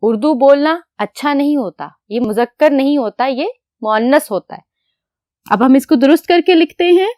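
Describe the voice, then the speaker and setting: A woman teacher giving a lesson to young students, explaining patiently step by step and asking questions that she answers herself, then dictating words slowly as she writes. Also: high-pitched, expressive, a little mellow, no room sound, clean studio sound. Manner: dictates slowly while writing. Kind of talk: classroom lecture to children.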